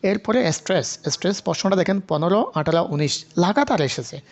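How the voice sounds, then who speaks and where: High-voiced man tutoring exam questions. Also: lively intonation, lo-fi sound. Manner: mixes Bengali and English, many filler pauses, repeats himself. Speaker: online English literature tutor. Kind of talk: exam-prep lecture going through a question list.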